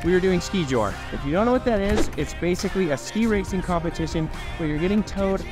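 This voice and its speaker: Breathy-winded young man vlogging over music. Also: sits high, lively intonation, quick pace. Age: 20s. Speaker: host. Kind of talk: casual vlog explaining. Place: outdoors on open snowy road in mountains. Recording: music behind outdoor vlog voice.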